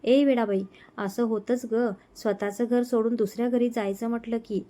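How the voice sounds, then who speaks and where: A woman's voice: fairly high pitch, fairly even intonation, moderate pace, warm tone, natural voice. A woman voicing a kindly middle-aged aunt who speaks affectionately and coaxingly. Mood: comforting.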